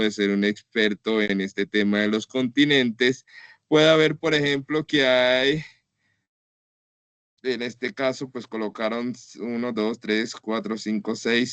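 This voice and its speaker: A man's voice: medium pitch, clear, resonant tone, no echo. A man teaching an online class, walking students through slide examples in a patient, explanatory way. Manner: patient, explanatory, repeats "entonces" and "por ejemplo".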